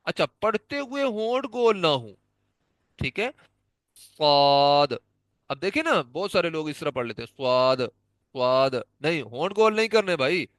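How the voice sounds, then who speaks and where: A man's voice: sits high, big pitch swings, fairly bright tone, no echo. Patient man teaching letter pronunciation. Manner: patient, demonstrates letter sounds repeatedly. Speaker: Quran recitation teacher. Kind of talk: pronunciation lesson.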